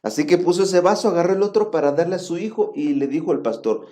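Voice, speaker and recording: A man preaches a sermon in a mellow, warm voice. He tells stories and keeps checking in with his listeners with a rising "right?". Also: a little high, fast. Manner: storytelling, often adds a rising "¿verdad?" to check with listeners.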